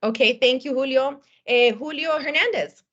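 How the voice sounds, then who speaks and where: A woman's voice: high voice, normal speed, a bit bright. Upbeat woman hosting a video call. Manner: upbeat, mixes in Spanish words. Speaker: host. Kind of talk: casual video call facilitation. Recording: dull video call audio.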